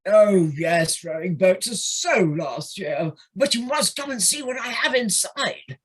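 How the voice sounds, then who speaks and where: A woman playing an excitable, spoilt gentleman toad in an amateur audio play, gushing and whooping in a husky voice. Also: medium pitch. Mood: boastful glee. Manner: gushing, whooping, drawn-out exclamations.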